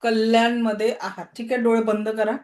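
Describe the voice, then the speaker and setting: A woman teaching an online reiki class, giving calm, repetitive guided-healing commands over a video call. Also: fairly high pitch, moderate pace.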